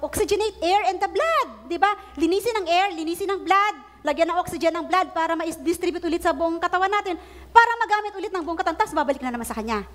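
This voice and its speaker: A woman preacher, telling a story in her sermon with animated delivery and English phrases mixed in. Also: very high voice. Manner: animated storytelling, acting out quoted prayers; mixes Tagalog with English phrases.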